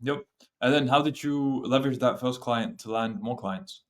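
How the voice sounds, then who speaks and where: A man's voice: medium pitch, moderate pace. A man hosting an interview, giving short prompts and follow-up questions. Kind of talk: casual interview.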